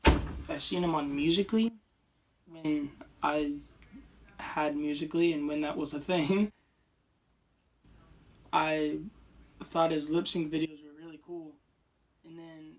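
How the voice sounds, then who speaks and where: Male, teens, raspy, slightly high-pitched, rambling unscripted chat, phone mic, faint background hiss. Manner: rambling, restarts and loudness swings. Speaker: vlogger. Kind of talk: casual unscripted vlog. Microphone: phone camera.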